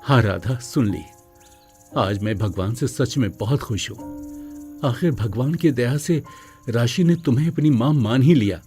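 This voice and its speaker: A man voicing a caring, grateful father and husband, earnest and gentle, in an animated moral story. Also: medium pitch, unhurried, soft background music, close to an everyday voice.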